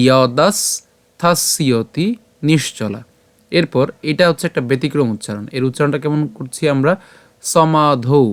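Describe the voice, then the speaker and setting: Male teacher, patient syllable-by-syllable recitation lesson, mid-pitched voice, dry close sound. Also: no room sound. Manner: patient, breaks words into syllables slowly. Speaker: scripture pronunciation teacher.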